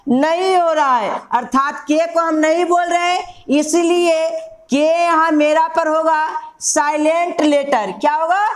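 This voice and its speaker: A woman's voice: high voice, echoey room. A woman teaching an English grammar lesson, repeating key words and asking questions that she then answers herself. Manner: slow, drawn-out spelling of examples. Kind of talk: classroom lesson.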